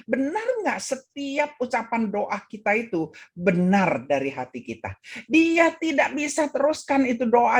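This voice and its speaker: Indonesian lady preaching on a video call, kinda breathy, acts out the story voices. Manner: acts out voices in her story, pitch swinging high and low. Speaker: women's ministry speaker. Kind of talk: sermon with a told story.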